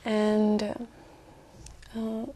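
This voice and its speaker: A young woman from Brazil, an exam candidate speaking hesitantly with many fillers and pauses. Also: medium pitch, monotone, mellow. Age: young adult.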